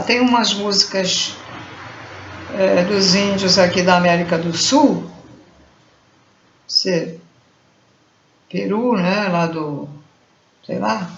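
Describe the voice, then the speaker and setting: A Brazilian woman giving an informal spiritual talk, chanting mantras slowly as examples and groping for words she has forgotten. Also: mid-range voice, a bit bright, slight background noise. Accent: Brazilian Portuguese. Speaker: spiritual teacher. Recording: roomy, muffled home recording.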